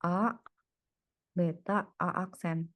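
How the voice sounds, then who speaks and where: Slow, thinking-aloud woman tutor. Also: fairly low pitch, fairly even intonation, dry recording. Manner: thinks aloud, murmuring symbols step by step. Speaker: private tutor. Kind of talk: one-on-one tutoring, working through problems aloud.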